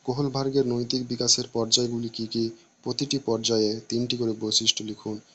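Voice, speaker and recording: A man reads out exam questions one by one, in a level, even voice with little rise and fall. He moves through the answer choices at a measured, steady pace, stopping now and then to restart a word. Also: mid-range voice, breathy edge, highs cut off. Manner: flat, steady reading with small restarts. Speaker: teacher reading an exam paper. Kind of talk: reading exam questions aloud.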